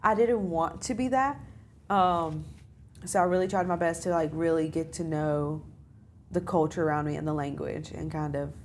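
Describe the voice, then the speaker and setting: A woman's voice: low-pitched, normal speed, darkish tone, slight background noise. A young American woman, a student, chatting casually in an interview with lots of filler phrases. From United States. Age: young adult. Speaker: study abroad student guest.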